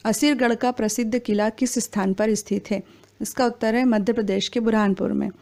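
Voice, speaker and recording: A woman reading exam quiz questions and their answers in a steady, formal recitation. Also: a little high, brisk, creaky.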